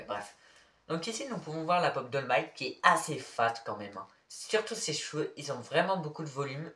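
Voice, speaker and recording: A man's voice: on the high side, fairly bright tone. A man casually showing his figurine collection to the camera, talking hesitantly with many fillers and self-corrections. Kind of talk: casual show-and-tell to camera. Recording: echoey room, mic far off.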